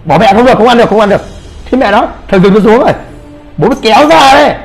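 High, lively-voiced brash gaming man. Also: quick pace, soft background music. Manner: brash, swears and trash-talks teammates. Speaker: gaming streamer. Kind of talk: live gameplay commentary.

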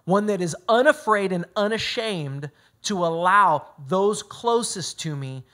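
A man's voice: high voice, lively intonation, measured pace, bright, forceful tone. Earnest male pastor. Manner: earnest, emphatic, with frequent restarts. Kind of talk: sermon delivered as a conversation.

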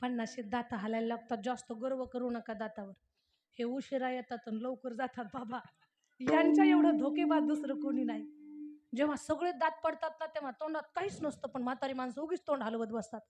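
A woman preaching a devotional kirtan sermon. She moves between brisk storytelling, rhetorical questions and homely humour, and slow, drawn-out chanting of verses. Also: sits high, darkish tone.

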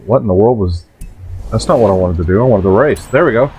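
A man in his late twenties, co-hosting a casual gameplay chat in a relaxed, laid-back way. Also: lowish voice, quick pace, a little hiss or hum. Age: 20s. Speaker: gaming channel co-host.

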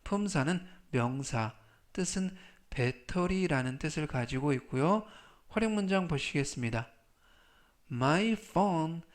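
Slow, careful male English tutor. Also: fairly high pitch. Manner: slow, careful, repeats each word three times. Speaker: English vocabulary teacher. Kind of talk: scripted vocabulary lesson.

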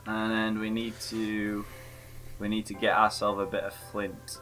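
A man's voice: on the low side, monotone, unhurried, fairly bright tone, soft background music. A man casually chatting while playing a video game, playful and giggly with sing-song outbursts. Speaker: co-host gamer. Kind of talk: casual gameplay chat.

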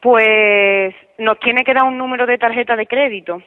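On a muffled phone line, a hotel receptionist handles a customer service call with a firm, matter-of-fact manner. Her voice sits fairly high, her tone stays steady, and she speaks at a moderate pace.

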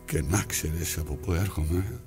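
A low-pitched man's voice with fairly even intonation is heard over music. The actor portrays a lonely old man repairing his trousers who talks to himself and his needle, coaxing and scolding by turns, in a rambling theatrical monologue.

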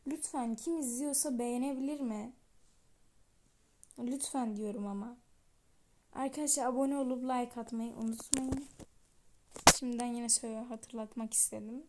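A woman's voice: a little high, steady tone, normal speed, long pauses, slight background noise. A woman with a sore throat narrating a toy-app story in a casual, chatty way, pleading with viewers. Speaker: storyteller and channel creator.

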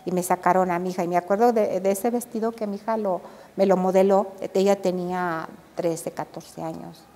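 A Mexican woman, an older embroidery artisan, telling her memories in an interview with animated storytelling and acted-out dialogue. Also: lowish voice, normal speed, in a large hall. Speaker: embroidery and drawn-thread artisan. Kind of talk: reminiscing interview.

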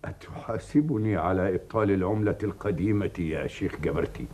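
A man's voice: low voice, a little fast, a little mellow, slight background noise, close to an everyday voice. A man playing a stern ruler. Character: commanding ruler of Egypt, stern.

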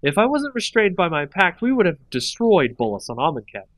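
A man's voice: high-pitched, very animated, brisk, a bit bright, no echo, pitched above the performer's own voice. A man voicing a scheming female necromancer, sly and mocking, in a read-aloud fantasy story. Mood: persuasive.

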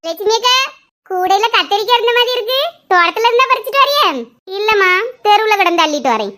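Woman, one-woman comedy sketch, high bright voice, quick character switches. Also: very animated. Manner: switches between scolding mother, whiny girl and friend voices. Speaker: comedy sketch creator playing all the parts.

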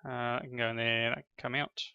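Middle-aged male gaming host: gravelly, dry close sound, casual chat, cheers his kids on. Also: mid-range voice, flat delivery, fast talker, no echo. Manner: chatty, praises and encourages his kids. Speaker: gaming channel host playing with his children. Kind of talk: casual gameplay commentary. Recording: slightly dull lo-fi sound.

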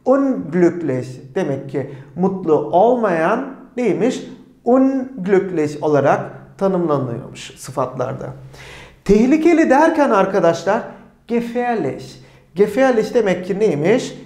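Male teacher, slow and patient, high and lively pitch, repeats each word in drills. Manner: drills each word twice, asks and answers his own questions. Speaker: German language teacher. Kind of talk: slow, repetitive language lesson. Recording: echoey room.

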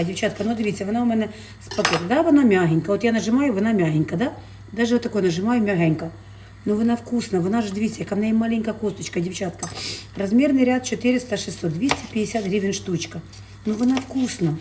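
A woman with a medium-pitched voice, a fish vendor and vlogger, chats casually in a cooking vlog filmed in her home kitchen. She speaks affectionately to her viewers, sprinkling in lots of diminutives, with background noise audible.

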